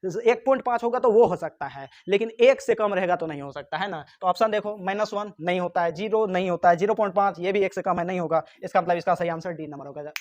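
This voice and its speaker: A man runs an exam-prep physics lesson question by question, talking fast in a high-sitting voice with few pauses, and the recording has its highs cut off. He teases and scolds his students and sometimes answers for them himself, mimicking their voice.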